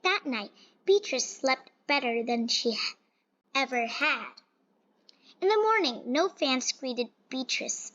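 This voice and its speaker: High-pitched woman reading a picture book, muffled. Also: expressive, slow, a bit bright. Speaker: storybook reader. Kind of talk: children's picture book read-aloud. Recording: dull, lo-fi sound.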